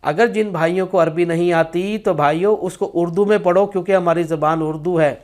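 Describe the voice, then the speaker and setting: A man explaining a spiritual practice in a firm instructional talk, with stretches of slow chanted recitation. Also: sits high, fairly even intonation, darkish tone.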